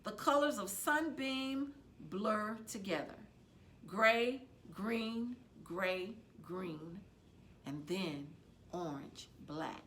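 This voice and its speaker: In a mid-range voice, a woman reads a children's novel aloud librarian-style, phrasing each line deliberately in an expressive, dramatic way. A little hiss or hum can be heard.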